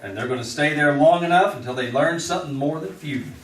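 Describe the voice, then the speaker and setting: Actor as Matt Dillon, firm frontier marshal. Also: male voice, fairly high pitch, fast, natural voice. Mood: resolute. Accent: American. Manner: dry, steady, commanding. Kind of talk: 1950s radio western acting and narration. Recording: noisy, echoey old radio recording, distant.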